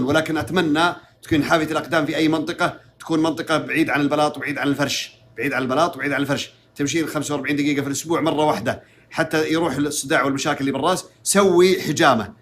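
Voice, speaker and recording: A man, a sheikh giving advice to a caller in a lively, teasing, quick way. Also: fairly high pitch, slight background noise. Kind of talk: live call-in advice.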